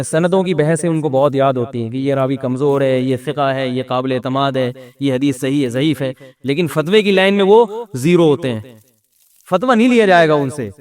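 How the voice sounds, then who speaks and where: A man with a Pakistani Urdu accent giving a casual sermon as an Islamic scholar, telling jokes and anecdotes and acting out the dialogue. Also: a little high. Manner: humorous storytelling, acts out dialogue in other voices.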